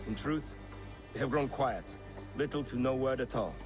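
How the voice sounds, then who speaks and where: An actor playing a deferential, uneasy Viking underling in a video game, hesitant and respectful in manner. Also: male voice, mid-range voice, moderate pace, music in the background, close to an everyday voice. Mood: wary. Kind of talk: dramatic video game acting.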